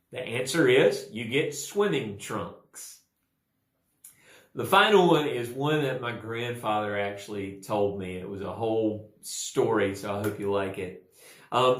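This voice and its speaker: Pastor guy telling jokes, laid back, echoey room. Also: medium pitch. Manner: easygoing, with fillers. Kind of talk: telling jokes and a Bible verse. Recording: roomy echo.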